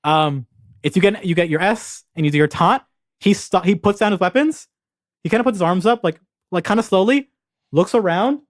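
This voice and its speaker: Young male podcast co-host, excitable, swears a lot, quick delivery. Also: sits high, no room sound, studio quality. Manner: excitable, swearing, fast and animated. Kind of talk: casual gaming chat.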